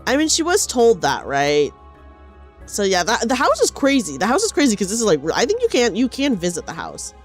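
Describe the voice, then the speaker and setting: A woman streamer with a slightly high voice talks briskly, her pitch swinging hugely as she chats expressively and swears now and then. She also reads game dialogue aloud with dramatic flair while soft music plays behind her.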